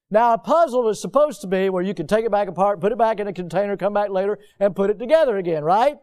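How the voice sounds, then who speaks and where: High-voiced male preacher, smooth and mellow. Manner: folksy, storytelling asides. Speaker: pastor. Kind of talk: sermon with scripture reading.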